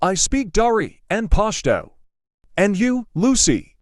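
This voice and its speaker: A polite man learner in a scripted practice dialogue, read by a man. His voice sits high for a man and moves a lot in pitch. Each line comes slowly and is carefully spoken. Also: big pitch swings, no room sound, studio quality, heavily acted. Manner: slow, carefully enunciated, each line said twice. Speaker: dialogue reader.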